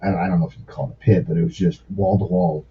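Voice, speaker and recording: A man telling stories in a casual podcast chat, excitable and full of swearing. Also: low-pitched, racing, slight background noise. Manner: profane, excitable storyteller. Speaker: podcast guest. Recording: muffled lo-fi podcast audio.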